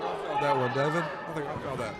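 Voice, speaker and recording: Fast-talking male wrestling colour commentator. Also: fairly high pitch, fairly even intonation. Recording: loud crowd noise behind. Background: wrestling event crowd.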